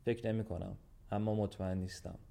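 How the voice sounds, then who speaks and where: Storybook voice: man reading as a gruff old gendarme, fatherly and blunt, weary, plain-spoken, low and mellow. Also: little pitch movement. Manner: plain, weary, matter-of-fact speech.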